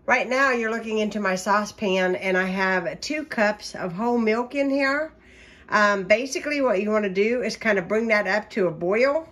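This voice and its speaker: A middle-aged woman chatting casually through a home baking vlog, relaxed and talkative with plenty of ums. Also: mid-range voice. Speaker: home cooking vlogger. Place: home kitchen.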